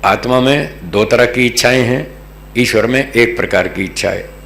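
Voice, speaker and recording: A man's voice: mid-range voice, normal speed, gravelly, fairly bright tone. A man from Delhi giving a religious philosophy discourse as a spiritual teacher, patient and explanatory, repeating key terms. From Delhi, North India. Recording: echoey hall with faint hum.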